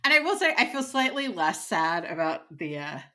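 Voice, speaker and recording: A woman's voice: lowish voice, very animated, moderate pace, pushed and bright. A woman co-hosting a podcast in casual chat, rambling and laughing often. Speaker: podcast co-host.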